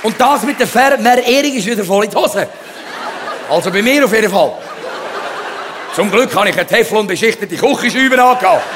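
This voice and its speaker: A man's voice: high-pitched, animated, normal speed, pauses often, a crowd in the background, background noise. A man with a Swiss German accent doing a stand-up comedy monologue, a comic storyteller who talks about himself in the third person.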